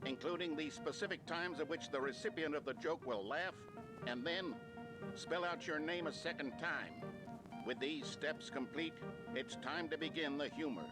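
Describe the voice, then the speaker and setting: A chipper instructional video announcer, played by a man, with a slightly high voice and brisk, cheerful pacing. Loud music plays under every line, in the style of an old training film. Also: natural voice. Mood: upbeat. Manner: brisk, cheerful presenter delivery. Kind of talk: mock instructional video narration.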